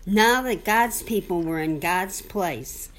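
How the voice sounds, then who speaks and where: With a fairly low voice, a woman reads a children's Bible storybook aloud to a young child, phrasing things simply and deliberately and asking the listener questions. A little hiss or hum sits under the recording.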